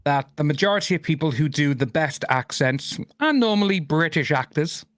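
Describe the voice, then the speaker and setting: A man's voice: on the high side, animated, normal speed, no room sound. Rambling Welsh man in dry close sound. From Wales. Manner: rambling, many restarts and fillers. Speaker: podcast host. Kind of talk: casual chat.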